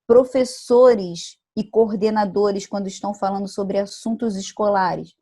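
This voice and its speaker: A woman's voice: mid-range voice, steady tone, measured pace, dark tone. A woman from Brazil teaching an online class, explaining patiently and checking in with her students, sometimes acting out sample phrases. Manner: explanatory, checks understanding with "tá bom?" and "né?"; acts out regional phrases in quoted voices.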